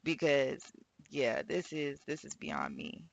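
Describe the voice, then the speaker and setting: A woman's voice: sits low, sing-song, takes it slowly, creaky, highs cut off. A woman hosting a true crime reaction, chatting casually, laughing often and slipping into mock scolding.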